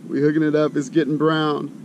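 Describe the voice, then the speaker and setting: Speaking fairly quickly in a level tone, a middle-aged American man hosts an outdoor cooking channel and demonstrates camp cooking outside. His talk is casual, folksy and colloquial as he thinks aloud, with a loud ambient rumble behind him.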